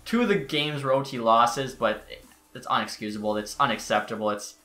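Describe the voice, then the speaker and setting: A man's voice: medium pitch, fairly quick, pushed and bright, soft background music. A man giving casual gameplay commentary as a YouTuber, chatty with exasperated outbursts. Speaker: gaming YouTuber. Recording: roomy echo.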